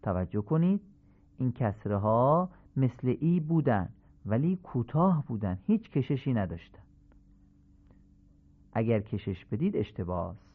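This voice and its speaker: A man teaching Quranic pronunciation on a radio program, drilling syllables slowly and deliberately. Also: mid-range voice, very animated. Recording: tinny phone-like radio sound.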